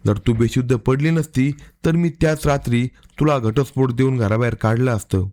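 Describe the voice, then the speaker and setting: A man's voice: medium pitch, normal speed, mellow, lightly acted. A man voicing a stern, angry husband in a narrated crime story. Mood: grave. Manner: harsh, commanding.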